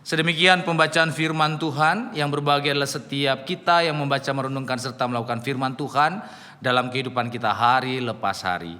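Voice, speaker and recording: A man's voice: mid-range voice, brisk, sharp tone, big-room sound. A man preaching a youth sermon as a pastor, telling a story and addressing the young listeners directly with emphatic rises.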